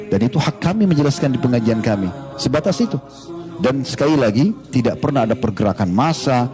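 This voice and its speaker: A man giving a conversational, animated sermon about marriage and conduct. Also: on the high side. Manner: animated, conversational preaching to men and wives. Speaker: preacher. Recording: hall reverb, husky.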